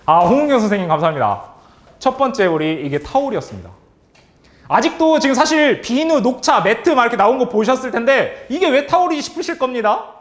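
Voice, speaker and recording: A man leading a workshop for teachers as a trainer, upbeat and animated, calling on the audience, praising their answers and chuckling often. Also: extremely high pitch, brisk. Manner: chuckles often between remarks. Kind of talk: online workshop quiz for teachers.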